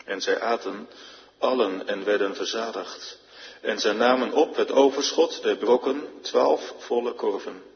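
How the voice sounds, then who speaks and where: A man giving a solemn, measured reading of scripture in church. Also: fairly low pitch, creaky. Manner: measured, formal. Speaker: scripture reader. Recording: reverberant, dull lo-fi church recording.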